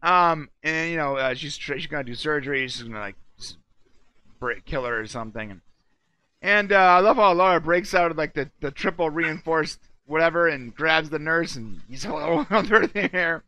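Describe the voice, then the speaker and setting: A man with a high, bright voice talks through a TV episode in a loose, excited ramble, full of quick asides. He sounds like a casual co-host reviewing a show, recorded close and dry with no room sound. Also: no echo.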